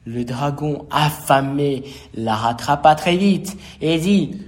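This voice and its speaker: A man reading a rhymed children's storybook aloud, slow and expressive. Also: on the high side.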